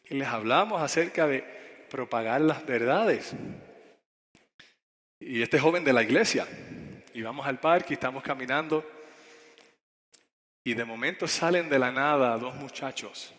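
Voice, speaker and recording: A male preacher giving a sermon, telling a story to young people and speaking straight to them with questions. His voice is bright and forceful, and it rings with a long hall reverb. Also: medium pitch, a little slow, long pauses. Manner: direct, addresses the audience with questions.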